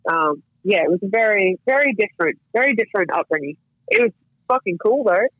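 An Australian professional fighter in her thirties chats casually as a podcast guest, swearing freely and saying "like" and "you know" a lot. Her mid-range voice is expressive and brisk, with no echo but a muffled recording.

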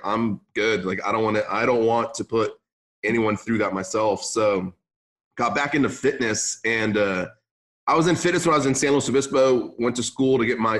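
A gym business owner appears as a podcast guest in a casual interview chat, his voice fairly low and a bit bright. He's a young man from Lebanon who grew up in California, and English isn't his first language. He often says "man" and starts sentences over.

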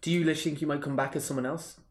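A man's voice: on the high side, fairly even intonation, racing. A man hosting a casual podcast interview with blunt, teasing banter. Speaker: podcast host. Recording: roomy echo.

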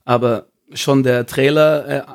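A man's voice: medium pitch, steady tone, unhurried, creaky, clear, resonant tone. A man from Belgium, a podcast guest speaking hesitantly and searching for words in a casual interview.

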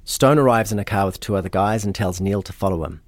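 A man, hosting and narrating a true-crime story in a measured, matter-of-fact way. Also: on the low side, dry recording. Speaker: podcast host.

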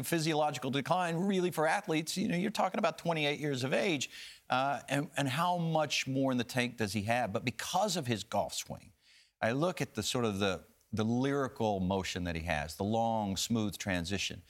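A man working as a golf commentator, analysing play in a measured, emphatic way and repeating key phrases. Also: a little high.

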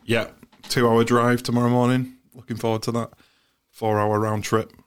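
A man giving measured, casual football analysis as a podcast panellist. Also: medium pitch, level tone, smooth.

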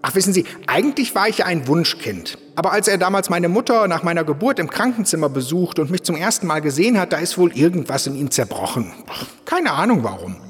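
A man playing a nervous, slow-witted man in a comedy radio play, with a breathy voice that turns panicky. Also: fairly high pitch, sing-song, long reverb tail, faint music behind. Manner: nervous and panicky, easily confused. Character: whiny, anxious, slow-witted man called Wursti.

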